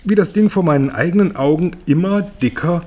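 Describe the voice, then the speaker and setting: Storybook: man voicing a shrill, spiteful elderly aunt, high-pitched and husky. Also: a little fast. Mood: shrill excited. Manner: screeching, excited exclamations.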